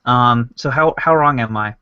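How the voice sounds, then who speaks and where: A man's voice: mid-range voice, moderate pace, pushed and bright. A man hosting a podcast, talking easily in casual chat and asking his guest questions. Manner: easygoing, short agreeing replies. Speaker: podcast host. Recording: dry, dull lo-fi sound.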